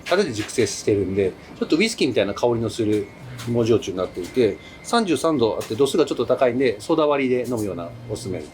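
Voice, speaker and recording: A man from Kagoshima runs a small izakaya and talks the camera through his menu, with eager explanations, a quick pace and a voice that rises and falls a lot. Fillers come often. Clear restaurant noise sits behind him. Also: medium pitch, sing-song, a little mellow. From Kagoshima, Japan. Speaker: restaurant owner. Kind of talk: explaining dishes and drinks to a camera crew. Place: busy small izakaya, indoors.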